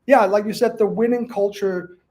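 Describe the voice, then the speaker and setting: A man from Denmark talks through audience questions about his book in a loose, halting academic way. His voice sits fairly high, and he keeps breaking off and restarting his sentences with fillers. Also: fairly even intonation, a little mellow. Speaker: author answering audience questions. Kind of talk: casual academic Q&A talk.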